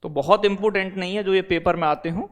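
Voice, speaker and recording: Talkative teacher, fairly high voice. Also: male voice, fast talker. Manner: addresses students as beta and bhai, repeats "theek hai bhai?"; digresses into blunt talk, then back to teaching. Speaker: exam-prep teacher. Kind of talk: live online class, chatty lecture.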